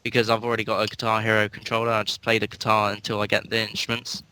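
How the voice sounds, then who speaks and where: A man's voice: lowish voice, monotone, rapid-fire, pushed and bright, clean tone, no echo. A man with an English accent chatting casually as a panelist on a gaming podcast. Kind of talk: casual chat.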